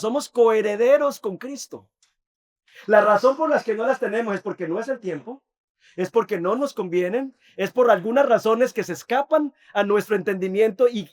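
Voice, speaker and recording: Earnest high-voiced male pastor. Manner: earnest preaching, dropping to soft intimate tones. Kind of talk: sermon.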